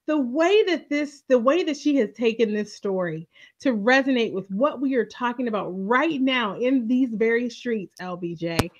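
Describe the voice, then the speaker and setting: A woman's voice: fairly high pitch, animated, moderate pace. A woman co-hosting a casual TV recap podcast, telling the story expressively and laughing often. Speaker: podcast co-host. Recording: dull lo-fi audio.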